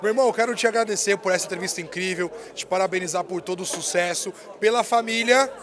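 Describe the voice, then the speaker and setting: This interviewer, a man in his thirties, chats with a guest at an indoor music fair using a handheld mic. It's a casual event interview, hyped, slangy and joking, delivered fast in a high, slightly bright voice.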